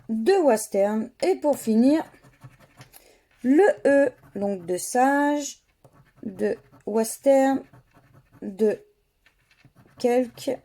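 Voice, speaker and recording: A woman scratches lottery tickets while giving slow, methodical running commentary, spelling out each letter one by one. Her voice is a little high and mellow.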